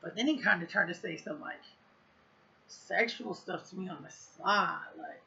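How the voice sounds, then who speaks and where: A woman's voice: fairly low pitch, normal speed, vocal fry, pushed and bright, highs cut off. A woman telling a story in a casual vlog, blunt and profane, rambling with lots of fillers. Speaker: vlogger.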